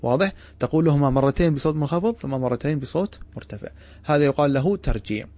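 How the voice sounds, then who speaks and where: A man teaching a class as a religious instructor. He keeps putting quick questions to his listeners and then answers them himself. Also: on the high side, expressive, darkish tone. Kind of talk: classroom lecture.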